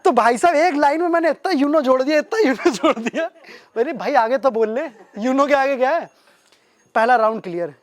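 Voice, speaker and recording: A man's voice: very high-pitched, moderate pace. Young man from doing stand-up. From Uttar Pradesh, India. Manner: animated, self-mocking anecdote telling. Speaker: stand-up comedian. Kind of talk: stand-up storytelling.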